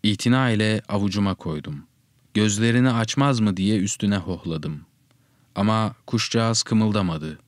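A man narrating a first-person story in a steady, reflective reading style. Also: lowish voice, moderate pace, dry recording, studio quality.

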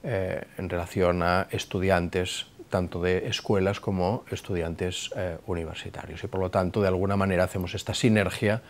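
A middle-aged man giving a formal talk to camera from his office, speaking in a measured way with frequent hesitations, on a lapel mic. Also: sits low, fairly even intonation. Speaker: director of a memorial institution, giving a talk. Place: office with a flag behind him.

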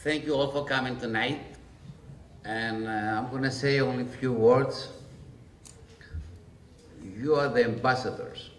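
A man's voice: mid-range voice, steady tone, unhurried, pauses often. A middle-aged man born in Greece, a chef speaking on a panel at a trade event. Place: large restaurant function room. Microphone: table mic on a stand, camera at a distance. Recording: roomy, distant, faint room noise.

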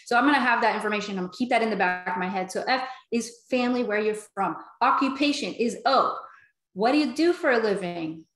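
Chatty woman coaching in an echoey room. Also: medium pitch. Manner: lively and conversational, acts out both sides of sample chats. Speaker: network marketing trainer. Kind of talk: upbeat training talk.

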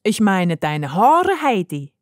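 A woman reading a storybook, voicing an old grandfather who speaks gently and knowingly, slightly lower than her own voice. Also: sing-song, takes it slowly, no echo, clean studio sound. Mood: gentle. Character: wise, warm old grandfather.

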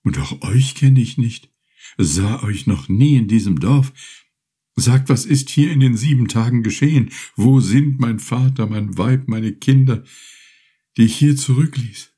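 A man's voice: medium pitch, a little slow, warm tone, husky, pitched above the performer's own voice. A man voicing a lost, despairing young male fisherman who speaks in a raised, pleading voice.

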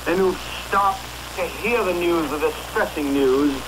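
A male foreign correspondent giving a grave, halting live radio news report from outdoors on a city boulevard, with the sound of an old 1960s newsreel broadcast. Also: fairly high pitch, background noise. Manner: grave, halting, slow delivery. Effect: old newsreel-style 1960s broadcast sound.

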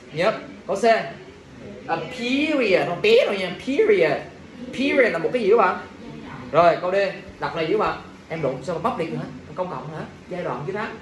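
Lively man teaching an English exam class. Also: sits high. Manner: lively, jokes with students, asks the class questions. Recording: echoey room, faint ambient noise.

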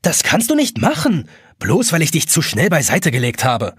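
Audiobook hero: defiant young boy, lifted pitch, read by a man. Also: huge pitch swings, normal speed, a bit bright, breathy edge, dry recording, clean studio sound, full character voice. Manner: defiant, talking back.

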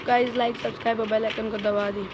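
A woman streamer giving excited gameplay commentary, teasing teammates and shouting quick calls. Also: a little high, highs cut off. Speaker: gaming streamer. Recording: noisy game stream audio.

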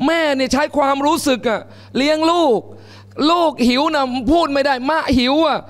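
Male religious lecturer with a very high voice and a playful, theatrical delivery, recorded in a mosque hall with a long echo. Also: normal speed. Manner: lively, joking, acts out mothers and babies. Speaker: Islamic lecturer. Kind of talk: colloquial Quran commentary lecture.

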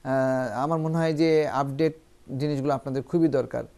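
A teacher giving a spoken English lesson, explaining each point to the viewers and then reading English example sentences slowly and carefully. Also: medium pitch, steady tone, a little mellow. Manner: addresses viewers directly and often.

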